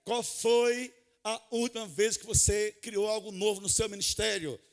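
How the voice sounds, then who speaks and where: A man preaching to a conference of pastors, animated and humorous, dropping to soft, low asides and then rising to loud, shouted calls. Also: moderate pace. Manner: animated, humorous, plays out little scenes. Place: large conference hall.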